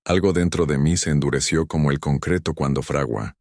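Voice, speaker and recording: A man narrating a first-person story in a calm, measured, solemn way. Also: rumbling low, no echo, clean studio sound.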